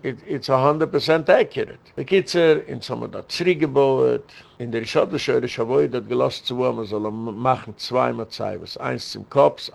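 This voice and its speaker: A male rabbi delivers a meandering lecture, weaving personal anecdotes together with recited Talmud passages. His voice is gravelly with a rough, creaky edge and sits at a middle pitch. He drifts freely between languages as he talks. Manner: digressive storyteller, switches between languages.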